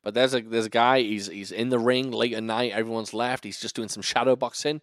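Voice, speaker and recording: A man hosting a casual film review chat, animated and profane, joking as he runs the talk. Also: medium pitch, fairly quick, dry recording, clean studio sound. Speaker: podcast host reviewing a film.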